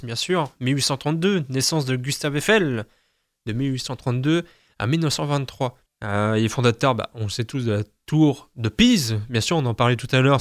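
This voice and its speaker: A young man reads out the day's almanac in a loose, chatty way, joking at his own slips. His voice sits at an ordinary middle pitch. The recording is dry and close, with no room sound. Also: no echo. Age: young adult. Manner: chatty, self-mocking, stumbles over words. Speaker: host. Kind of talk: casual reading of daily almanac.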